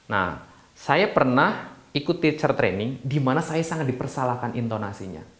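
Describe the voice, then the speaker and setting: A man's voice: medium pitch, lively intonation, normal speed, fairly bright tone. A man who is a yoga teacher, explaining a teacher training course in a chatty, casual way with many fillers and restarts. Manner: chatty, frequent fillers and restarts, self-deprecating asides. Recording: echoey room.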